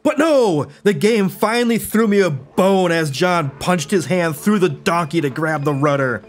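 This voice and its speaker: A man's voice: a little high, moderate pace. A man narrating gameplay from a script as a YouTuber, with wry, self-deprecating storytelling. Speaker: gaming YouTuber.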